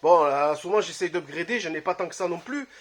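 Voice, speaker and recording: High-voiced man, blunt and sweary. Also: animated, quick pace. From Marseille, France. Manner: blunt, swears freely, trails off into filler "euh". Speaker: retro game collector vlogger. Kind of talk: casual vlog talk to camera. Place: his home, early morning.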